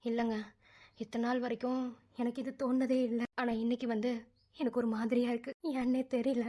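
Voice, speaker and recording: A woman voicing a grieving village mother in an animated drama, who pleads and insists that her dead son is still alive. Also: on the high side, fairly quick, close to an everyday voice. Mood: sorrowful. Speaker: cartoon voice actor.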